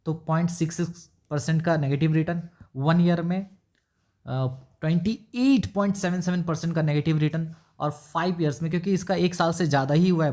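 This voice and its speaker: Slowly reading numbers from his screen with filler pauses, a stock market YouTuber gives a relaxed, chatty explanation of one company's stock figures. He speaks at a fairly high pitch and regularly makes sure the listener understands.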